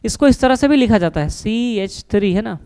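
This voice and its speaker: A man's voice: sits high, expressive, normal speed, a little mellow, smooth. A male teacher giving an online chemistry lesson. He asks his own questions and answers them, and often calls the students his children.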